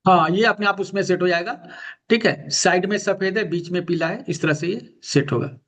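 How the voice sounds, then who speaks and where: A man's voice: high voice, normal speed, a bit bright. A man teaching an online class on magnet therapy, patiently repeating key terms and directing a student. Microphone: video call. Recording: dull lo-fi call audio.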